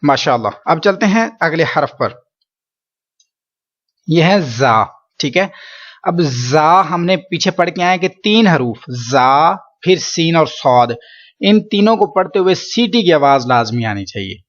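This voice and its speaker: A man teaching Quran letter pronunciation, patiently explaining and drawing each sound out slowly for students to repeat. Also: fairly high pitch, animated, fairly bright tone, highs cut off. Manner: slow drawn-out letter drills, patient explaining. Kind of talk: pronunciation lesson.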